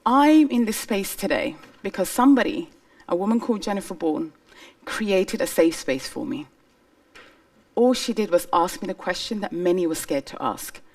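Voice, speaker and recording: A woman's voice: medium pitch, animated, normal speed, far from the mic. A woman from Somalia giving an earnest, emphatic personal testimony on stage before an audience. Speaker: speaker on stage.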